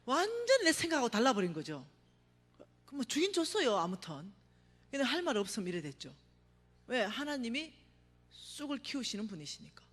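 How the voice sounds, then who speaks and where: Animated woman preaching in a reverberant hall. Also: fairly high pitch, moderate pace, long pauses, faint music behind. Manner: animated storytelling, acts out her own cries, drops to a hush for emphasis. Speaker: revival meeting speaker. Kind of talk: testimony sermon. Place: church sanctuary.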